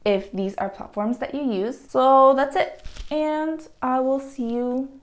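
A young woman vlogging casually while cutting her own hair, chatty and excitable, gasping and squealing in dismay and talking to herself as she goes. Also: high-pitched, slow. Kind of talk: casual vlog talk to camera.

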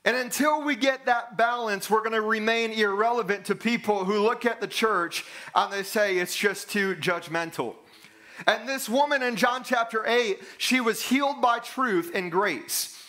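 A man's voice: high-pitched, moderate pace, sharp tone. A man in his thirties preaching an earnest, emphatic sermon on a church stage, repeating key lines for stress. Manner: gestures broadly while walking the stage. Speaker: pastor.

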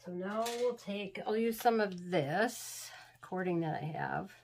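Seated at an indoor crafting table, this craft channel host has a medium-pitched, slightly mellow voice with vocal fry, and she sounds animated while keeping a measured pace. A bit sniffly from illness, she rambles through her instructions in a warm, chatty manner. There's slight background noise.

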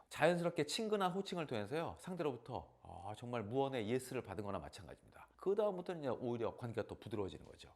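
A man giving an animated storytelling lecture with dramatic pauses. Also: mid-range voice. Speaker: speaker of a talk channel.

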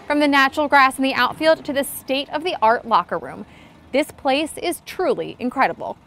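A woman's voice: high-pitched, lively intonation, moderate pace, vocal fry, fairly bright tone. A young woman reporter giving upbeat scripted narration beside a ballfield.

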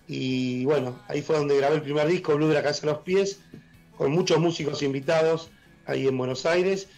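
Argentine guy with a worn husky voice, kinda high, chatting excited on a video call, soft music behind. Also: low-quality recording. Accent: Argentine Spanish. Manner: enthusiastic, halting with fillers. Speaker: blues musician guest. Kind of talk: casual radio interview. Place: room at home, joining by video call.

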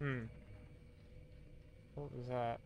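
A man casually commenting while playing a game, hesitant and often filling pauses with "um" and correcting himself. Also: medium pitch, level tone, creaky, noisy background. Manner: hesitant, full of ums and self-corrections. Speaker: game streamer.

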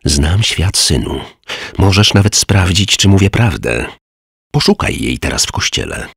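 A man's voice: low voice, sing-song, measured pace, vocal fry, a bit bright, breathy edge, no echo, clean studio sound, exaggerated voice. A man voicing a shrewd, sly old beggar who sits on the steps of a church, in a spoken storybook.

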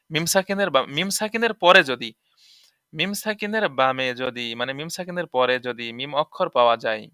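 A man's voice: medium pitch, sharp tone, no room sound, clean studio sound. A man teaching tajweed rules, explaining patiently and repeating each point to check understanding. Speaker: Quran recitation teacher.

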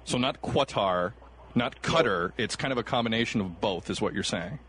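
A man's voice: on the low side, quick pace, background noise. A man co-hosting a sports talk show, bantering casually and joking around with his co-host. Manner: joking, swears freely, laughs a lot.

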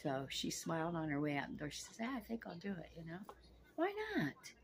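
A woman in her 60s, seated on a couch in a small room at home, gives a frank, profane vlog monologue directly to the camera. She talks briskly in a low voice with lively intonation and vocal fry. There's a little hiss or hum in the recording.

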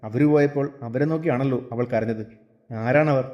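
A man's voice: mid-range voice, a little fast, dull audio, lightly acted. A man voicing a concerned, earnest young son-in-law in a storybook reading, asking anxious questions.

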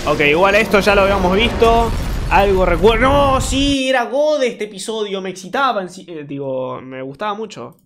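Excitable young man reacting to videos. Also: high-pitched, moderate pace, background noise. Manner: excitable, jokey, uses Latin American slang. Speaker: YouTube reaction host. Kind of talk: energetic casual video reaction. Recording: music playing loudly behind.

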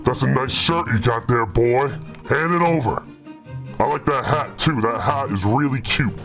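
A man using a voice changer that pitches his voice deep and distorted to play a crude, taunting male Satan in game voice chat, with a gravelly sound. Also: moderate pace, fairly bright tone, soft background music. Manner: taunting, growling threats and mock sweet talk. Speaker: gamer.

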